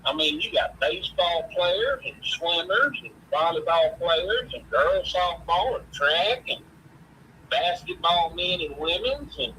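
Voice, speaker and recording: A sports show host with a folksy Mississippi drawl, this man talks in a high, very bright and forceful voice. His delivery is casual and lively, swinging up and down as he chats. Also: unhurried, a little hiss or hum, poor audio. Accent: Southern US, Mississippi.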